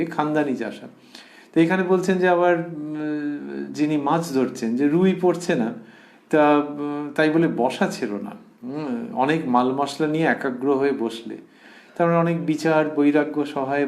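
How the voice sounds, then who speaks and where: A man giving a devotional discourse, reading quotes slowly and then explaining them calmly. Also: fairly high pitch. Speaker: religious speaker. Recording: echoey room.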